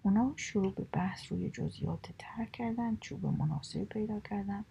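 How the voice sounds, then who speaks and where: A woman narrating children's stories in a soft, partly whispered reading voice. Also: medium pitch, creaky, slight background noise, low-quality recording. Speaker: storyteller.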